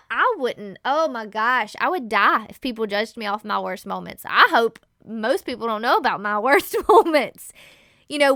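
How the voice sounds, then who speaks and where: A woman giving a casual Bible teaching as a podcast host, animated and laughing often as she acts out everyday scenes. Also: a little high, no room sound, studio quality.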